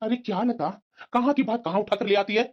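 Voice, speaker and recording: Woman doing a gruff cartoon dad, scolds fast, high-ish, muffled lo-fi sound. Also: close to an everyday voice. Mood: scolding. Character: stern middle-aged father who spoils his daughter. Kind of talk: cartoon voice acting.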